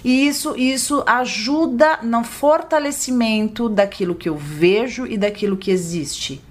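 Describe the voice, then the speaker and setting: Warm, explaining woman psychologist. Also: unhurried. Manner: gentle, explanatory, lively pitch when voicing a parent to a child. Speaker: psychologist co-host. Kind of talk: podcast talk, explaining.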